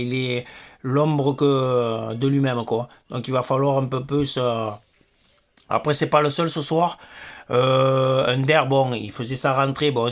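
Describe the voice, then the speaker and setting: An angry man rants after a football match on his fan channel. He hesitates a lot, stammers and fills his pauses as he talks. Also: mid-range voice. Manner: hesitant, many fillers and stammers. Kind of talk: angry post-match rant.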